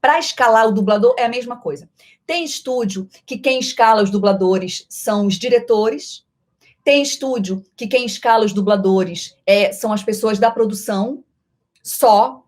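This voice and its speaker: Speaking at normal speed in a voice on the high side, a middle-aged Brazilian woman who works as a voice actress fields viewer questions in a playful live-stream chat. Her Brazilian Portuguese accent comes through, and her volume and pace often change.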